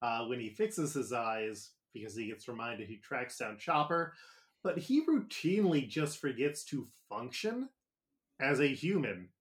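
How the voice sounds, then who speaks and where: A man's voice: medium pitch, animated, a little slow. A man co-hosting a podcast, recapping episodes in a casual, joking way with plenty of filler words. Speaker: podcast co-host.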